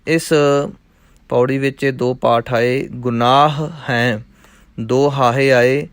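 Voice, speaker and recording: A man teaching scripture recitation, chanting each verse in a measured way and stopping to explain pronunciation. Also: mid-range voice, little pitch movement, clean tone, dry recording. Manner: measured chanting of verses, then quick spoken corrections. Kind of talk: slow line-by-line recitation lesson with pronunciation notes.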